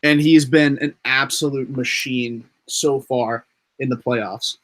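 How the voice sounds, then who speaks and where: A young man hosting a casual sports podcast, excitable and talking in bursts of emphasis. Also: medium pitch, slow pace. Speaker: podcast host.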